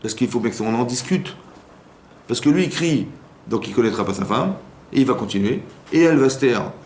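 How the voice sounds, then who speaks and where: A man's voice: mid-range voice, animated, brisk, a little mellow. A man giving an informal class to women as a rabbi, talking conversationally with many repetitions and restarts and acting out quoted spouses. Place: community hall class. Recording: echoey room with faint hum.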